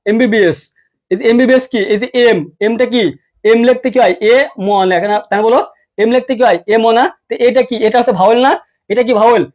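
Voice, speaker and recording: A young man's voice, sitting very high for a male speaker, running through an English grammar lesson at a brisk clip. He fires the same question again and again and answers it himself. He calls the student brother the whole way through. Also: a little mellow. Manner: addresses the viewer as brother. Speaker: English tutor. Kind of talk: online exam-prep lesson.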